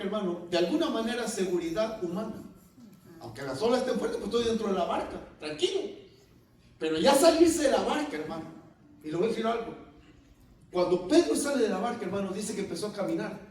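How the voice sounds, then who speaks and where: A male pastor preaching a lively sermon, shouting out quoted lines and laughing as he addresses his listeners. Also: very high voice. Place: church. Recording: very echoey church hall, heard from a distance.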